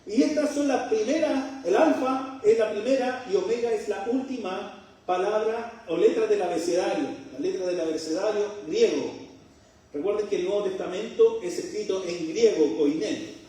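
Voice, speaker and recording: Man, Chilean accent, middle-aged preacher, questioning sermon, warm tone, echoey hall from a distance. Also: high-pitched, moderate pace. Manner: asks the congregation rhetorical questions, joking asides. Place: church hall. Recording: very echoey room, mic far off.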